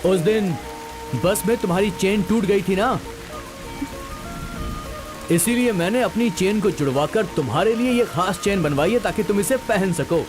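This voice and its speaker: A man's voice: high-pitched, moderate pace, long pauses, over music, close to an everyday voice. A young actor playing a devoted suitor who speaks affectionately to his beloved. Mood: tender. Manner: affectionate, promising. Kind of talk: low-budget film acting.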